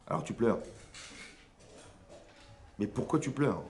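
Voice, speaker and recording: A man, a rabbi giving a lively religious lesson to a women's class, full of rhetorical questions and checks on whether his listeners follow. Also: lowish voice, slow, slight background noise. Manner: animated, rhetorical questions, frequent checks on understanding. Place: seminary classroom.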